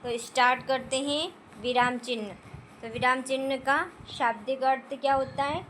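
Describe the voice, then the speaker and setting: Female teacher, high voice, patient drilling delivery, faint noise behind. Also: fairly even intonation, moderate pace, fairly bright tone, low-quality recording. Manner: repeats questions and answers to drill points. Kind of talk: Hindi grammar lesson.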